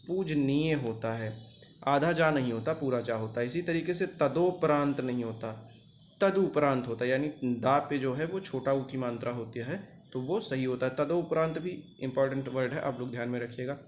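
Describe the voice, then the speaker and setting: A man's voice: mid-range voice, moderate pace, lo-fi sound, a little hiss or hum. A man with a North Indian Hindi accent teaching an online exam-prep spelling lesson, repeating each word and reminding students to remember it.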